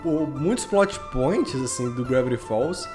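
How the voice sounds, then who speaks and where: Music plays behind this audio drama podcast creator as he chats casually as a guest, trading slangy anecdotes. His Minas Gerais accent marks him as a Belo Horizonte native, and his medium-pitched voice is lively in intonation, a little slow and a little mellow.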